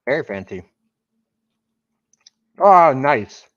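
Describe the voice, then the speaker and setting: A man hosting a casual game stream, chatting in a halting, friendly way with lots of fillers. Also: medium pitch, big pitch swings, dry recording, dull audio. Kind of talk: casual gameplay chat.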